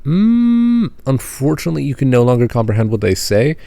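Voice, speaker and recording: A man narrating as game master of a tabletop game, deadpan and slowing down to stress odd details. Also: mid-range voice, vocal fry, no room sound.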